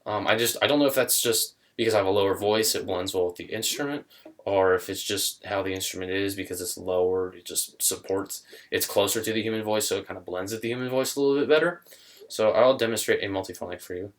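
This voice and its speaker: A young musician demonstrating an instrument talks casually to camera in a small room, thinking aloud with lots of fillers and restarts. His voice is on the low side, and he speaks fast.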